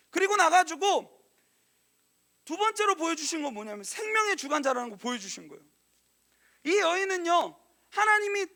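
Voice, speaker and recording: A man preaching a sermon as a youth pastor. He tells the story in a conversational, animated way and speaks to the congregation directly. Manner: animated storytelling, acting out quoted lines in a hushed lower voice.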